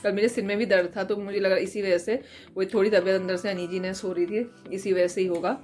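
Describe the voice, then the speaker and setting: Young woman vlogger, hoarse from a cold, chatty running commentary over soft background music. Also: medium pitch, steady tone, fairly quick. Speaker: family vlogger. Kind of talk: casual home vlog narration.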